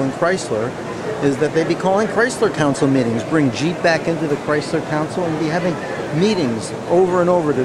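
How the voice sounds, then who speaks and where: A man answering interview questions as a union delegate, earnest and measured, often restarting his sentences. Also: mid-range voice, heavy background noise. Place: busy convention hall. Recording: loud crowd chatter behind.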